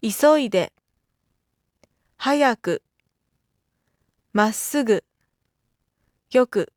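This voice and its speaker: Woman, scripted word-list reading, very slow careful delivery, higher pitch, dry sound. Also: lively intonation, dry recording. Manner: careful, isolated words with pauses. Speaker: Japanese vocabulary reader.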